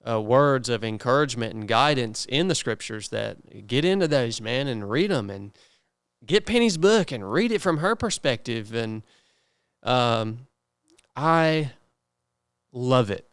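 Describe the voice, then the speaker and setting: A man hosting a casual conversational interview in an earnest, informal way, pausing often. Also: mid-range voice, clean tone, no room sound, clean studio sound. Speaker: interview host.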